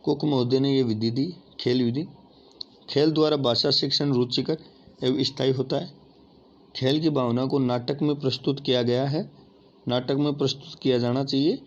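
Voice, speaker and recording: A man's voice: medium pitch, fairly even intonation, moderate pace. A man teaching an exam-prep lesson, addressing listeners as friends and asking and answering his own questions. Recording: dull lo-fi audio with faint noise.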